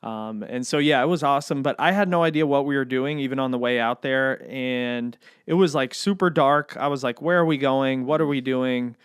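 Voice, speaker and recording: A man hosts a casual podcast chat, easygoing and full of ums. His voice is smooth and clear, and the sound is dry and close. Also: medium pitch, moderate pace, few pauses, no room sound. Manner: relaxed, chatty, many ums. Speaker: podcast host.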